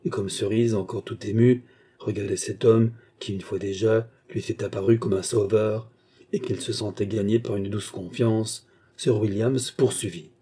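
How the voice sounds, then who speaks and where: A man narrating a classic novel as an audiobook, in a measured, literary reading. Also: on the low side, steady tone, warm tone, slightly rough.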